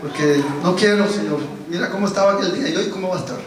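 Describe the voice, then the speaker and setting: A high-pitched man preaches a sermon, pressing his points with repeated words. He sounds distant from the mic, his voice ringing through a very echoey church hall with faint room noise. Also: fast. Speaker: pastor.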